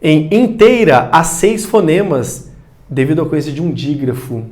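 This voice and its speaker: A Brazilian man teaches a recorded video lesson, addressing the viewer directly. His voice sits a little high and swings widely in pitch. He loudly calls out example words now and then. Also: lively intonation, moderate pace. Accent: Brazilian Portuguese. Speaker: Portuguese teacher.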